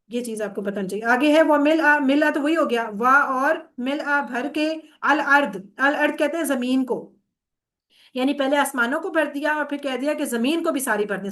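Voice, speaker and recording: High-voiced woman teaching Arabic grammar. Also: fairly bright tone. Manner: patient, often checks understanding with "theek hai?"; mixes English words into explanations. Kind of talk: online class lesson explaining Arabic grammar.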